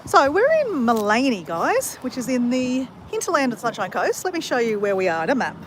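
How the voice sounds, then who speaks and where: Here the Australian vlogger sounds a little high and sing-song, talking a touch fast as she chats with her "guys" on a casual walking vlog. She's outdoors in a country town and along a creek, and background noise can be heard.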